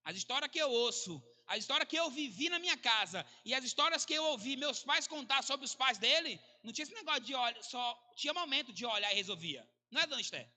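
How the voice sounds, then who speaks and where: A male pastor, preaching a sermon in a conversational way, mixing jokes with sudden swings between soft and loud. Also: very high-pitched, lively intonation, fast talker, hardly any pauses. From Brazil. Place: church hall. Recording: reverberant church hall.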